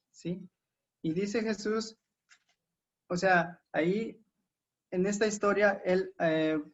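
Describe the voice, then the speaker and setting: A man's voice: sits high, muffled recording. A man with a Mexican Spanish accent, a pastor explaining a Bible lesson in a hesitant way, with many fillers and restarts. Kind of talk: Sabbath school lesson discussion.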